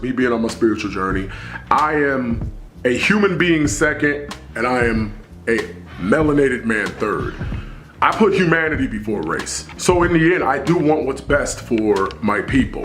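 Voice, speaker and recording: A man's voice: mid-range voice, fairly bright tone, echoey room. A man giving an emphatic, preachy opinion monologue, repeating phrases for stress. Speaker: commentary vlogger.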